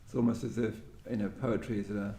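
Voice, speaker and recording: A fast-talking man with a lowish, creaky, mellow voice and steady tone hosts a poetry event. He reflects on literature in careful, tentative phrases, often ending on a questioning tag. Roomy echo and faint background noise mark the indoor live venue.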